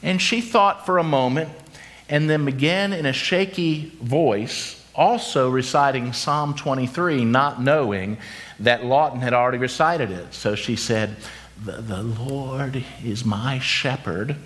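Guy in his 50s preaching, story-telling, mid pitch, gets loud then slows way down. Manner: animated storytelling, slows for emphasis. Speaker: pastor. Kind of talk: sermon.

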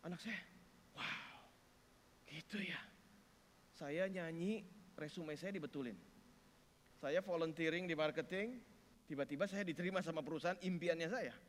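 Middle-aged male pastor, fairly high voice, lively storytelling sermon, long reverb of a church hall. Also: moderate pace, a little hiss or hum. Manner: animated storytelling, acts out quoted dialogue, mixes in English phrases.

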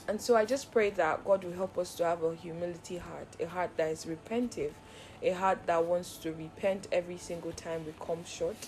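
A woman hosting a devotional Bible teaching, speaking in an earnest, heartfelt way and building repeated phrases into steady cadences. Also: lowish voice. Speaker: Bible study host.

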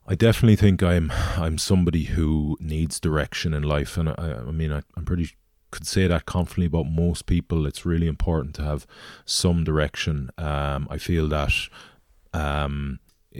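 Interview guest, male, west of Ireland accent, extremely low pitch, reflective and searching delivery, dry sound. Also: darkish tone, no room sound. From Galway, west of Ireland. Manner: earnest, hesitant, thinking aloud. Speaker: interview guest, endurance athlete.

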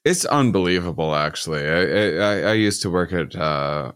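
A man hosting a casual conversation, talking haltingly with many repeated words and fillers. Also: deep voice, lively intonation, a bit bright, clean tone, no room sound.

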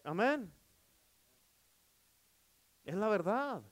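Middle-aged pastor guy preaching hard, fairly high voice, keeps asking for amens. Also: sing-song, extremely slow. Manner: emphatic, repetitive preaching with call-and-response amens. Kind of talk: sermon.

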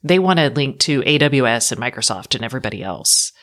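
Low-voiced woman co-hosting a tech podcast. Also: expressive, brisk, fairly bright tone. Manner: conversational, frank, trails off with dry asides. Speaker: podcast co-host. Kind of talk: casual tech podcast chat.

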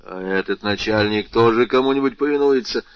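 A man with a low voice reading the part of an aging captive banker, desperate and furious by turns, in a muffled dry recording. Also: fairly quick, dry recording, close to an everyday voice. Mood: pleading. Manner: pleading, then raging.

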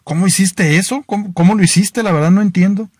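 A man's voice: high voice, brisk, darkish tone, a little hiss or hum, voice pushed up, close to an everyday voice. A man with a Mexican accent voicing a baffled young driver with a new sports car, who fires off exasperated, disbelieving questions.

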